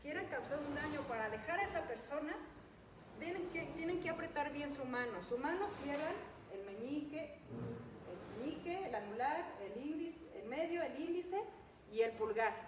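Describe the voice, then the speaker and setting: A woman's voice: sits high, expressive, normal speed. A woman with a Mexican Spanish accent leading a self-defense class, counting out reps and checking in with "ok?" between drills. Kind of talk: fitness class instruction. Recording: echoey room, mic far off, noisy.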